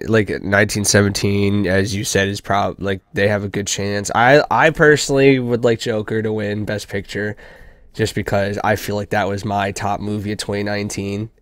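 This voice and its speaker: A man co-hosting a casual podcast, dry and joking, with halting restarts. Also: fairly low pitch, dry recording. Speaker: podcast co-host. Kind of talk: casual chat.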